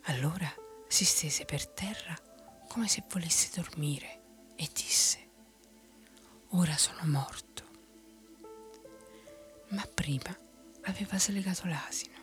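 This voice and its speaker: Woman, bedtime story, unvoiced whisper, low pitch, slow, faint music underneath.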